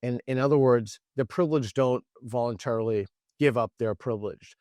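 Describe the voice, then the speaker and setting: A man's voice: medium pitch, moderate pace, darkish tone, no echo, studio quality. A man talking as a guest author in an interview, earnest and argumentative, often restarting his sentences. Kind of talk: interview conversation.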